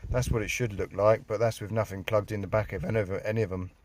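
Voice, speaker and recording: Sitting inside his car, a British hobbyist films himself installing a radio, rambling through the DIY job with wry, self-mocking grumbles. He talks fast in a fairly low voice with fairly even intonation, and there's slight background noise.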